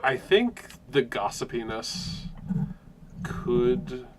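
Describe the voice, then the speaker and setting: A man's voice: medium pitch, big pitch swings, very slow, a little hiss or hum. A man running a tabletop game, chatting out of character in a musing, hedging way and laughing often. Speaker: game master.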